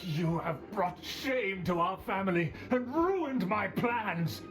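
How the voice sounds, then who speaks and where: A man's voice: high-pitched, animated, slow, fairly bright tone, soft background music, exaggerated voice. A man playing a haughty middle-aged aristocrat uncle in a video game, scheming and indignant, with pompous, theatrical, formal diction. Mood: indignant, scolding.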